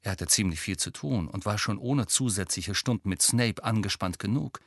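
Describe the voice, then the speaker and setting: A man reading a novel aloud as an audiobook narrator in a measured storytelling manner. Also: lowish voice, fairly bright tone, dry recording, clean studio sound. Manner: measured storytelling with character voices. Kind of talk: scripted narration.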